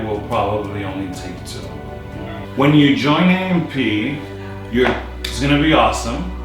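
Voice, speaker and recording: A man, co-owner of a business, answering interview questions confidently. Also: medium pitch. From Dominican Republic. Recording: echoey room, distant mic, music behind.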